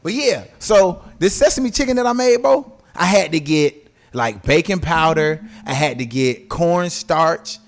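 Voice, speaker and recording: Guy hosting a podcast, kinda high voice, super casual, lots of slang and cussing. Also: lively intonation, unhurried. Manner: slangy, profane, repeatedly checks with "you know what I'm saying". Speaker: podcast host. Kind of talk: casual podcast chat, telling anecdotes.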